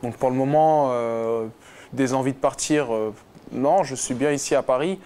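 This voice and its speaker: A football player in his twenties answers interview questions as a guest in a warm, clean, medium-pitched voice at normal speed. He speaks casually and hesitantly, with many fillers and restarts.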